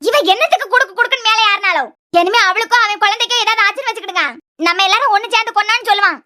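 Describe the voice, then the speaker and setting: Cartoon mother-in-law, woman voicing; sharp-tongued and rapid, Kanyakumari Tamil accent. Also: very high-pitched. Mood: scolding. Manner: scolding, complaining.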